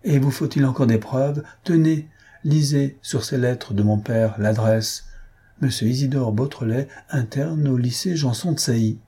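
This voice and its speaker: Brief: male narrator doing a smart, unflappable young student, soft and polite, warm husky tone. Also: medium pitch, unhurried. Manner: soft-spoken, infinitely polite. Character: polite, clever teenage schoolboy posing as reporter. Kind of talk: audiobook character reading.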